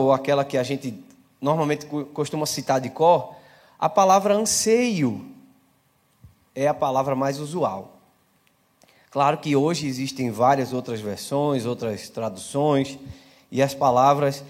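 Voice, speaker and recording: A male pastor giving a live church sermon, talking conversationally, asking the congregation questions and building to emphatic preaching. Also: medium pitch. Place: church service.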